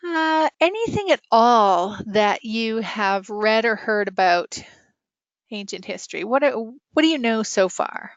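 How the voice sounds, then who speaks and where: Chatty and full of questions for her students, a woman leads a relaxed, interactive online writing class. She speaks slowly in a slightly high, expressive voice, recorded dry. The online class sound is dull and lo-fi.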